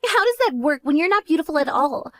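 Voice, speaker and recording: A woman's voice: sits high, expressive, fast talker, fairly bright tone, no echo, voice pushed up. A woman voicing a spoiled, vain younger sister who boasts and taunts indignantly in a voiced story. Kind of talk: voiced text story dialogue.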